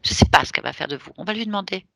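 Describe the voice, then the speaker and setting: A woman's voice: mid-range voice, animated, very fast, gravelly, fairly bright tone, dry recording, studio quality. A woman leading a hypnosis session, giving firm, teasing commands.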